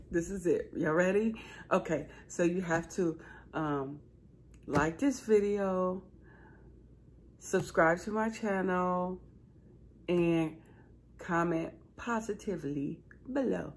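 Low-voiced, exuberant American woman vlogger. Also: slow pace, slight background noise. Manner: exuberant, folksy, repeats words for emphasis. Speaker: host of a crochet channel. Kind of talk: casual chatty vlog to subscribers. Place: small living room, indoors, seated on a couch.

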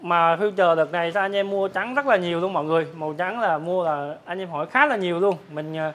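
A man, a motorbike dealer, giving a hard-sell promotional sales pitch to viewers, repeatedly rattling off prices. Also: fast talker, fairly bright tone. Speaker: motorbike dealer presenting his stock. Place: large open-sided metal-roofed motorbike warehouse.

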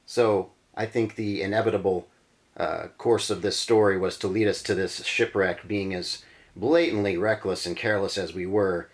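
A man hosting a read-through, reading a gamebook aloud with lively, dramatic emphasis and adding casual comments. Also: low-pitched, normal speed. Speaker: channel host reading a gamebook.

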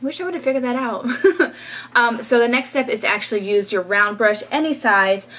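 Recorded on a camera mic in a small bedroom, a young woman chats through a hair tutorial as she styles, laughing lightly and saying um often. Her voice is on the high side and a bit bright, at a moderate pace, with a little hiss or hum in the audio.

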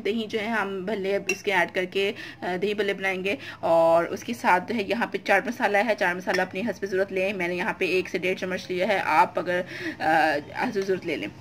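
A woman's voice: medium pitch, fairly bright tone. A woman, hosting a home cooking tutorial and explaining each step patiently, with frequent fillers. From Pakistan. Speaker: cooking channel host. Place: home kitchen. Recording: noisy home recording.

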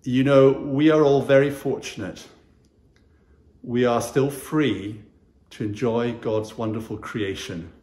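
Slow, gentle older man in a roomy chapel. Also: mid-range voice. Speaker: school chaplain. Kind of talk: chapel talk to pupils. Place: small wood-panelled chapel room, indoors. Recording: roomy echo.

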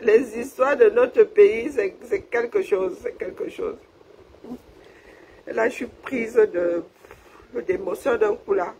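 A woman's voice: fairly high pitch, slow, long pauses, darkish tone, slight background noise, low-quality recording. A woman from Cameroon, chatting casually on a livestream, laughing often and thanking her viewers. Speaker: livestream host. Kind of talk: casual live chat with viewers.

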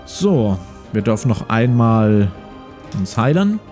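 This let's-play host, a man in his forties, reads a gamebook aloud and comments casually in a lowish, darkish voice with big pitch swings and a slow pace. Plucked guitar music plays in the background.

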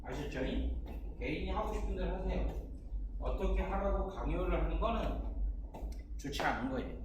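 A man tutoring exam-prep math, chatty and lively, forever checking that the learner follows along. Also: high-pitched, moderate pace. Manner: keeps checking understanding with short questions. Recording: echoey room with distant mic and noise.

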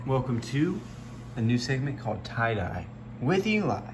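A man's voice: medium pitch, big pitch swings, moderate pace. A young man hosting a casual vlog, upbeat and joking as he narrates. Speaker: vlogger. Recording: noisy background.

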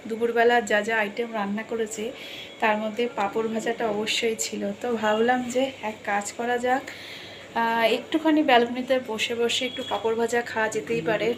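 Chatty high-voiced woman vlogging at home. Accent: Bengali. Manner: chatty, addresses viewers directly as friends. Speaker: lifestyle vlogger. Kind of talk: casual chatty vlog narration. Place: home, partly on a balcony. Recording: loud background noise from a home. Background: fan and water pump machine noise.

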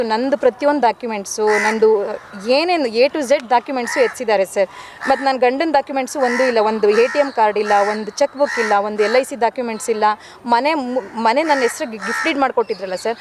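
A woman's voice: fairly high pitch, noisy background. A woman in her forties, a widow, making a complaint to news reporters in an urgent, pleading way and calling the reporter sir again and again. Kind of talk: news interview statement.

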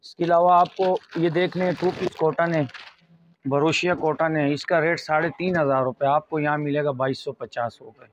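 Man, Pakistani accent, fairly high voice, informal shop sales patter, repeating prices, dull muffled lapel-mic audio. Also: fairly even intonation, moderate pace, slight background noise. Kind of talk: informal sales pitch to camera. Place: small fabric shop indoors.

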